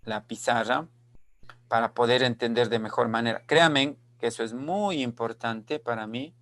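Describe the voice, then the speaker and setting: A man teaching an online class, explaining slowly and repeating key phrases while checking that students follow. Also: medium pitch, fairly bright tone, no echo. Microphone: video call.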